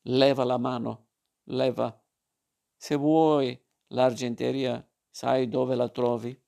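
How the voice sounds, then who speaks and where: A man doing a spiteful, gravelly old taunter. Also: medium pitch, level tone, slow pace, dark tone. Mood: mocking. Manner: taunting, sneering.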